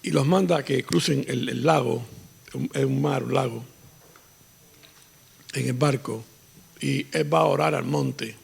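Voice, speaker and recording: Gravelly, husky man preaching in a church. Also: mid-range voice, a little slow, pauses often, in a large hall. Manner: preaching with rising emphasis, switching between Spanish and English. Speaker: pastor. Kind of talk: bilingual sermon. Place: church sanctuary.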